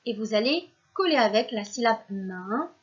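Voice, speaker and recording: With a fairly high, expressive voice at a moderate pace, a woman primary teacher records a reading lesson for little children, breaking words into syllables one at a time. She talks to the pupils as if they're in front of her and praises them, though the recording is muffled.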